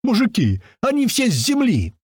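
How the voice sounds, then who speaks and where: A man voicing a boisterous man in his thirties who yells with joy. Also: fairly high pitch, huge pitch swings, a little fast, breathy edge, dry recording, clean studio sound, pitched above the performer's own voice, exaggerated voice. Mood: overjoyed yelling. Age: 30s. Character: boisterous young man from Saint Petersburg.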